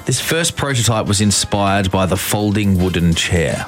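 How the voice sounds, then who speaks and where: A man's voice: deep voice, expressive, moderate pace. A man bantering playfully and casually as a breakfast radio host. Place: radio studio. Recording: music behind studio radio talk.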